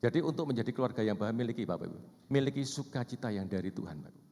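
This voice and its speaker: A man speaks at a church seminar, his voice at an ordinary middle pitch. He keeps drawing in the audience with questions and tags "Bapak Ibu ya" onto his lines. The sound rings with the long reverb of a large hall. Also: expressive, very fast, mellow. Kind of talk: church seminar talk to couples.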